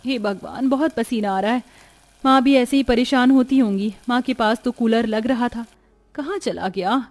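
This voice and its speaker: A woman voicing a kind, patient elder sister in a storybook, earnest and gentle. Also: a little high, moderate pace, no room sound, faint music behind, natural voice. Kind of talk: storybook voice acting.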